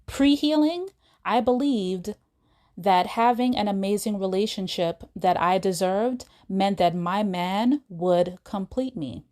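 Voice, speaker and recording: A woman's voice: mid-range voice, a little slow, darkish tone. A woman hosting her own podcast, retelling a film scene in a casual, chatty way with asides to her listeners. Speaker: podcast host. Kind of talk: casual storytelling monologue.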